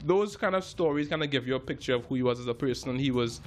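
Man in his thirties, guest musician; halting, self-correcting delivery, mid-range voice, faint music behind. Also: medium pitch. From Trinidad and Tobago. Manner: halting, many restarts and repeated words. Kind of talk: casual interview chat.

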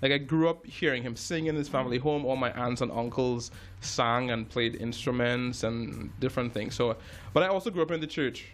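A man's voice: mid-range voice, moderate pace, few pauses, a bit bright, slight background noise. A man, a jazz musician talking casually as an interview guest, often restarting and repeating words. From Trinidad and Tobago.

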